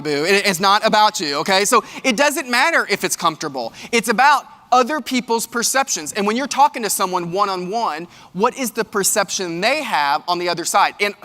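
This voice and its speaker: A man delivers an energetic keynote, pitching questions to the crowd. His voice sits high and rings bright. It carries a long reverb from a big hall. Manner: animated, engages audience with questions. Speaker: keynote speaker. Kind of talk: motivational keynote talk. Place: large hall with audience.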